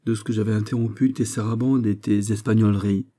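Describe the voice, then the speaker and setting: A man's voice: on the low side, steady tone, fast talker, warm tone, lightly acted. A man voicing a vain, jovial young prince who teases his courtier in a lordly way, in an audiobook of a classic novel. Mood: teasing jovial. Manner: teasing, laughing, lordly.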